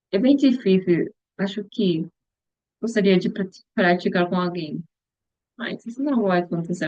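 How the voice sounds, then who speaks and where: Direction slow, hesitant young woman vlogging. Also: medium pitch, darkish tone, no room sound. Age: young adult. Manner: slow, hesitant, searching for words with restarts. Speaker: future missionary practicing a language. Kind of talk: casual reflective vlog monologue. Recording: dull, dry lo-fi recording.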